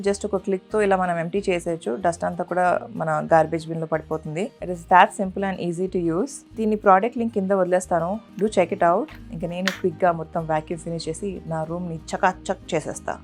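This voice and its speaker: Woman narrator, low voice, calm demo walkthrough. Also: fast, music in the background. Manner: steady explaining, mixing in English. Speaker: vlogger.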